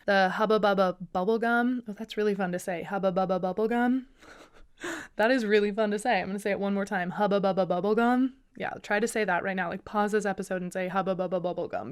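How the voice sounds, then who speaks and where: Young woman, podcast host, chatty, bubbly, casual solo talk, mid-pitched voice. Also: smooth. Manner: chatty and bubbly, with fillers and asides.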